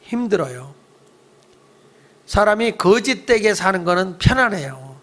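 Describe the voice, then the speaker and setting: A man's voice: sits high, lively intonation, unhurried, a bit bright. A male pastor preaching a youth service sermon in a conversational storytelling way, asking the congregation questions.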